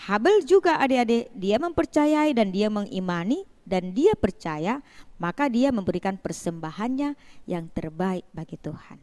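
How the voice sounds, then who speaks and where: With a mid-range voice, a woman acting as a Sunday school teacher animatedly recounts a Bible story for children, using repetition and rhetorical questions.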